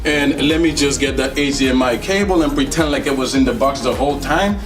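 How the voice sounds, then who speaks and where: Over music, a Dutch tech reviewer and video host talks briskly in a mid-range voice. He gives playful, slangy, joking unboxing commentary, casual and full of enthusiasm.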